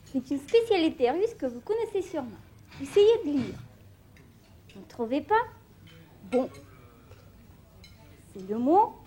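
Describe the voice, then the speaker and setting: A woman teaching a scripted language lesson, clearly spelling words out for learners. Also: sits high, dark tone. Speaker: Russian teacher.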